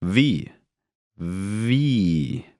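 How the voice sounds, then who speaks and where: A man with a deep, darkish voice leads German pronunciation drills, saying each word twice in a slow, deliberate, very unhurried way with lively intonation. The recording is close and dry, without any room sound.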